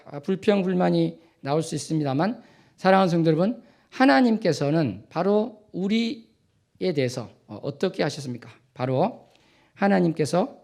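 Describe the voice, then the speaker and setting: A male pastor preaching a sermon, asking rhetorical questions to the congregation with frequent drawn-out fillers. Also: a little high, a little mellow.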